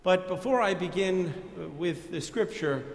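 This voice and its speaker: A man's voice: sits high, unhurried. A man with a New York accent preaching a sermon in a church, in a conversational, folksy way. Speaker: pastor. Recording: echoey church reverb.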